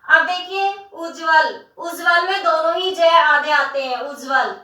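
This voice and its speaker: A woman teacher with a very high, bright voice walks students through a spelling lesson, patiently breaking each word into its syllables. The sound bounces around a bare, echoey room, and she is heard from a distance. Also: steady tone. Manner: patient, addresses students as "beta"; spells words out slowly, syllable by syllable.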